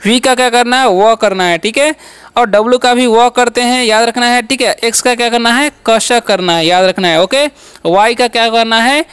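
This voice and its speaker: High-voiced man drilling a lesson. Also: normal speed, fairly bright tone, clean tone. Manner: drills with repeated questions and answers; frequent "ठीक है" and "okay" check-ins. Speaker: English teacher. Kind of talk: classroom-style lesson.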